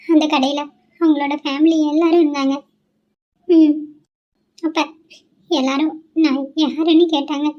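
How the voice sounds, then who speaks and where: A woman's voice: sits high, steady tone, measured pace, pauses often, warm tone, muffled recording. A woman voicing a tearful young newlywed. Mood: pleading. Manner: tearful, pleading. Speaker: cartoon character voice. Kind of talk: cartoon voice acting.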